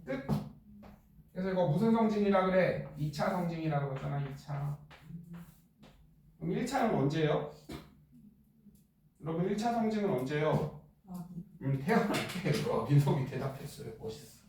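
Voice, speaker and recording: Joking teacher in an echoey classroom. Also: male voice, a little high, expressive, darkish tone, recorded from a distance. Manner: joking, blunt, quizzes students with quick questions. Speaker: middle school science teacher. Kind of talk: classroom lecture.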